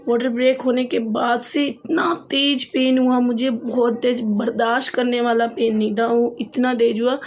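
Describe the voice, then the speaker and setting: Young female vlogger, slightly high voice, casual storytelling, repeats herself for emphasis. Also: little pitch movement, normal speed, hardly any pauses, a little mellow, lo-fi sound. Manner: chatty, repeats phrases for emphasis, laughs at herself.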